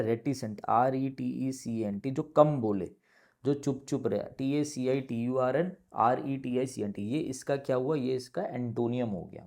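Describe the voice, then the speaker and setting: A man's voice: medium pitch, dark tone. A man teaching an exam-prep English lesson with an Indian English accent, mixing Hindi and English and spelling words out letter by letter.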